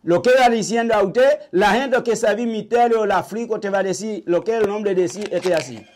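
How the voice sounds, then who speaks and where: Older Haitian-accented man, high-pitched, halting and repetitive; vodou priest being interviewed. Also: darkish tone. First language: Haitian Creole. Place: small indoor shrine room.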